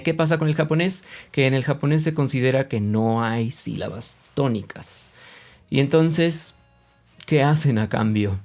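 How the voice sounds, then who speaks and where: A man's voice: mid-range voice, darkish tone. A man with a central Mexican accent teaching Japanese pronunciation in a casual, explanatory video lesson, with many fillers, often sounding out examples aloud. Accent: Mexican Spanish.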